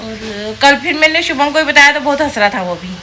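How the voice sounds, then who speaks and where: A middle-aged woman, the mother-in-law in a family vlog, chats casually at home in a high, expressive, pushed and bright voice, speaking fairly quickly. She is homely and earnest and explains things at length; the audio is poor, with clear background noise.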